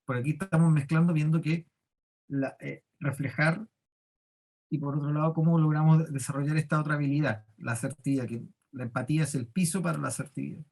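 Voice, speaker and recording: A man's voice: on the high side, steady tone, brisk, vocal fry, darkish tone. Chilean man teaching a workshop. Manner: explanatory, keeps asking the class questions. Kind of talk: leadership class lecture.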